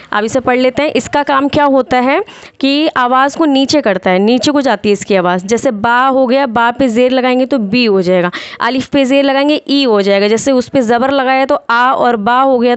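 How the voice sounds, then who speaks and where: A woman teaching a reading lesson, slowly reciting letters and sounds one by one, then explaining quickly and patiently. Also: fairly high pitch, clear, resonant tone, dry recording, dull audio.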